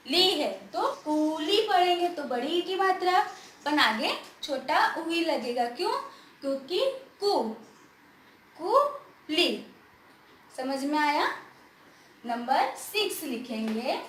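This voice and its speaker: Woman, children's teacher, high-pitched, stretches words out slowly, roomy echo, faint background hiss. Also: a bit bright. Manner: asks pupils questions and answers them herself. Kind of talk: children's grammar lesson.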